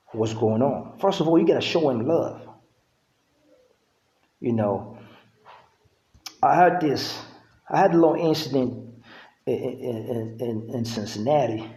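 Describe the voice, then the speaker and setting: Slow, laid-back middle-aged man, roomy sound. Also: medium pitch, warm tone. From Uganda. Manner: laid-back, conversational, with frequent "you know what I'm saying". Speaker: vlogger. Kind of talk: casual monologue to camera.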